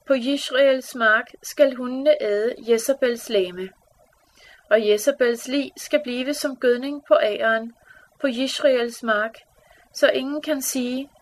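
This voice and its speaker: A woman's voice: on the high side, lightly acted. A woman reading the lines of a vengeful male warrior king in a stern, declaiming way. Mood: solemn.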